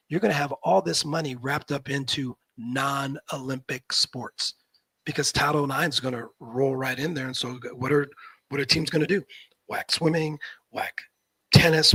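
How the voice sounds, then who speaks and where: Husky-voiced fifty-something man. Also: on the high side, no echo, poor audio. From Nebraska. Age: 50s. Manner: animated, rambling, opinionated. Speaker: guest. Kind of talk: casual chat. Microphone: video call.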